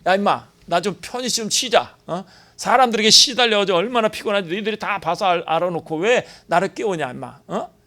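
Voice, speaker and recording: A man voicing a weary, grumpy man who scolds the people who woke him, in a gruff, gravelly, slangy way. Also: high-pitched, expressive, brisk, hardly any pauses, sharp tone, voice pushed up, exaggerated voice. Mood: irritated.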